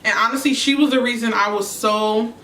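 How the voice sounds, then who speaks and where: On her eating show, a young New York woman who makes YouTube videos answers questions between mouthfuls in casual mukbang chat. She speaks fairly quickly in a fairly high, slightly bright voice with a steady tone; the distant mic picks up an echoey room and slight hiss or hum.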